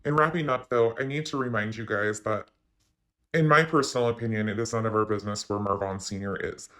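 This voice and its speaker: A man's voice: on the low side, steady tone, fairly quick, a bit bright. A man speaking through a voice changer, hosting an opinionated online commentary and talking straight to his viewers. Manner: opinionated, addresses viewers directly. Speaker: commentary channel host.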